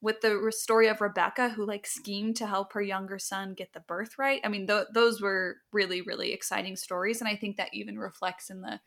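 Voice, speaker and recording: A young adult woman co-hosts a podcast in relaxed conversation. Her pitch sits in the middle range for a woman. She thinks her answers through as she speaks, reflective and unhurried, with everyday fillers. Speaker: podcast co-host. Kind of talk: casual conversation.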